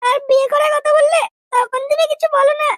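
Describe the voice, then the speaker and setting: A voice actor playing a prim, touchy young girlfriend in a comedy cartoon, with a very high, squeaky voice and an indignant way of talking. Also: steady tone, dry recording. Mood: firm. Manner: indignant, quick to take offense.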